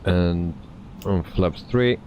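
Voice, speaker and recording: A man's voice: deep voice, drawn-out words. A man streaming a flight simulator, calling out flaps and gear in short clipped commands like a pilot in the cockpit. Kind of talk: live gameplay commentary. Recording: dull lo-fi mic with steady background noise.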